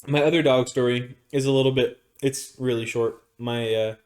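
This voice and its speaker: A man co-hosting a podcast, telling family stories in a casual, animated way, laughing often and acting out what people said. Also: mid-range voice, normal speed. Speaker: podcast co-host. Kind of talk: casual storytelling.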